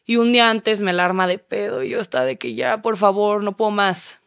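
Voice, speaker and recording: A young Mexican woman in her twenties, appearing as a podcast guest, tells a story in casual conversation with animated energy, acting out the quoted lines. Her medium-pitched voice is fairly quick and clean, recorded dry with clean studio sound.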